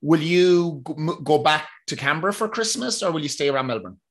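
A man's voice: a little high, expressive, a little fast. A man, hosting a podcast, chatty and joking with casual swearing. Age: 30s. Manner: chatty, swears, jokes about himself. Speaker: podcast host. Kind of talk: casual interview chat.

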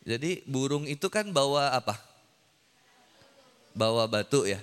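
A man's voice: mid-range voice, expressive, a little slow, fairly bright tone, clear, resonant tone. A man giving a casual, humorous sermon to young people, teasing the audience with playful questions. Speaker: preacher. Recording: long hall reverb.

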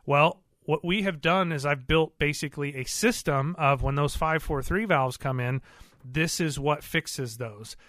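A man's voice: on the high side, unhurried, fairly bright tone, no room sound, clean studio sound. A man who owns an auto repair shop, talking in an earnest, plain-spoken and rambling way, with many fillers. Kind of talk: casual interview talk.

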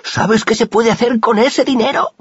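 A man voicing a crude, greedy street boy who jeers and taunts loudly. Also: sits high, big pitch swings, fairly quick, husky, no echo, muffled recording, pitched above the performer's own voice, heavily acted. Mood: greedy excitement. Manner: loud, crude, jeering.

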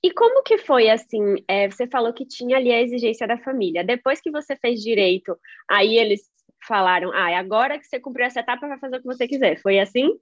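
A woman's voice: fairly high pitch, animated, quick pace, dry recording. A woman hosting a podcast and interviewing a guest in a chatty, casual way. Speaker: podcast host. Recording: dull lo-fi sound.

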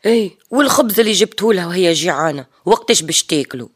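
A woman's voice: on the low side, expressive, racing, breathy edge. An actress playing a patient, pious, protective Tunisian wife and mother in a radio drama. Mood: protesting.

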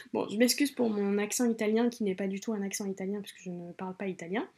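A woman hosts a book podcast in a relaxed, chatty way, often pausing and restarting her sentences. Her voice is mellow and a little breathy. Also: medium pitch. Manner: hesitant, many fillers and restarts. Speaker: podcast host reviewing books. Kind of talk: casual chat.

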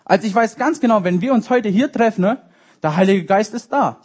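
A young man, a youth leader, preaching a sermon in a lively storytelling way and speaking directly to the congregation. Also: sits high, brisk, slightly rough. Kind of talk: sermon with personal anecdotes. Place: church service.

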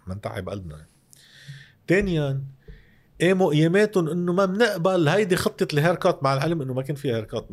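Male Lebanese economic commentator, interview guest, quick delivery, emphatic and explanatory. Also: mid-range voice, darkish tone. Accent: Lebanese Arabic. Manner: emphatic, uses rhetorical questions.

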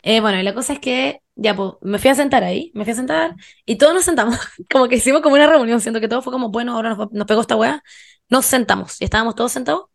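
A woman's voice: a little high, quick pace, gravelly. A young woman with a Chilean accent telling a story to friends in a casual, slangy chat, acting out what her friends said. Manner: animated, slangy, acts out quoted friends.

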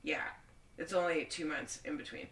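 A woman co-hosts a casual podcast in a bright, fairly low voice. She is blunt and sardonic and swears freely. The room echoes around her. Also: steady tone, normal speed, creaky. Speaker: podcast co-host. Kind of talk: casual chat. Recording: roomy echo, slightly distant mic.

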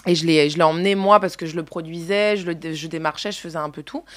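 Woman, young adult, actress guest, radio chat, lively storyteller, fillers, dry sound. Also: on the low side, quick pace, no room sound. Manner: lively storyteller, laughs often, many fillers.

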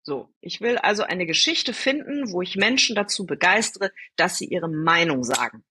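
Bright, husky woman telling stories. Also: lowish voice, moderate pace. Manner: lively, answers her own rhetorical questions; addresses the listener directly. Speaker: storytelling guest. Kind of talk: conversational podcast interview.

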